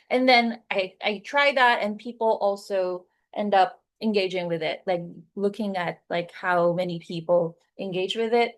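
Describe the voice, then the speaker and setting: A woman in her forties with a Filipino accent, giving a conversational webinar talk as a content creator, with plenty of fillers and lively acted-out quotes. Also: medium pitch. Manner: chatty, many fillers, acts out quoted lines.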